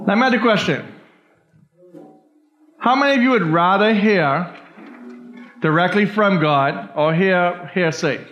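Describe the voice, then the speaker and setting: A Bahamian man with a high, fairly bright voice leads a church Bible study, constantly checking in with his listeners by asking "all right?" The recording is dull and lo-fi.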